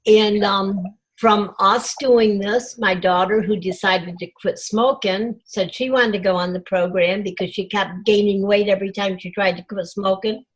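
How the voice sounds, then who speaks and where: An older woman speaking over a video call, telling her story in a halting, plain way. She stops and starts often, filling the gaps with little sounds as she searches for details. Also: mid-range voice, fairly even intonation, low-quality recording. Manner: halting, many fillers. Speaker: group member. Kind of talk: personal storytelling.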